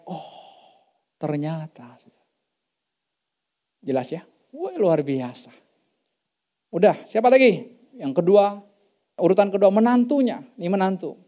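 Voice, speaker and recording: A man's voice: a little high, dark tone. A man pastor preaching a church sermon, telling testimony stories in an emphatic, conversational way. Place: church service.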